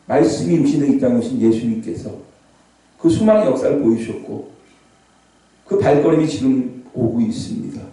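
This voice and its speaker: Animated preacher in an echoey hall. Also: male voice, a little high, recorded from a distance. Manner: animated preaching, shouting out scripture cries. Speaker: pastor. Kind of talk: revival sermon. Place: large prayer hall.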